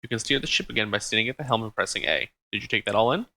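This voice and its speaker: Old woman sage from a game, read by a man, instructive, fairly low voice, bright tone. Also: racing. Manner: reading game dialogue aloud in an instructive tone.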